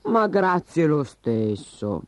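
A man doing a slow, fretful elephant. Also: fairly high pitch, big pitch swings, no room sound. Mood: plaintive. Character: big gentle worried male elephant. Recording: slightly dull recording with music behind.

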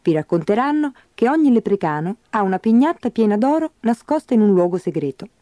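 A woman narrating a storybook tale in an expressive, measured way. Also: medium pitch, no room sound, clean studio sound.

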